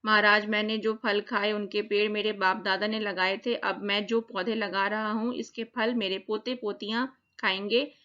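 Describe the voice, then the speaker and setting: A woman's voice: mid-range voice, level tone, normal speed, few pauses, pushed and bright, natural voice. A woman reading as a wise old farmer. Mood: calm wise. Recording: dull lo-fi recording.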